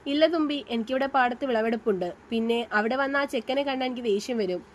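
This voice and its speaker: Woman reading as a calm, protective young man. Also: on the high side, brisk, a little hiss or hum, natural voice. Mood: reassuring.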